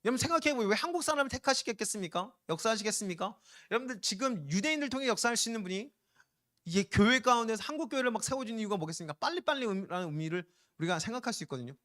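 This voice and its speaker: A male pastor preaching a sermon with urgent emphasis, dropping now and then into slow, drawling voices as he quotes people. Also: sits high, animated, pushed and bright.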